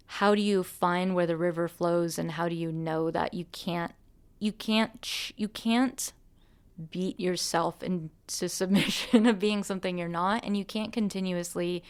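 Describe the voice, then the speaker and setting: A woman's voice: on the low side, clean tone. A woman hosting a podcast, an artist talking earnestly and musingly, with restarts and light laughs. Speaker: podcast host and musician. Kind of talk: reflective conversation.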